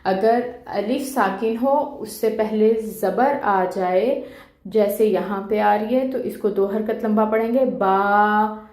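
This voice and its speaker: A woman speaks slowly in a medium-pitched, slightly mellow voice during an online Quran recitation lesson. She goes step by step with patient explanations, saying "okay" to check in and lengthening the sounds she models.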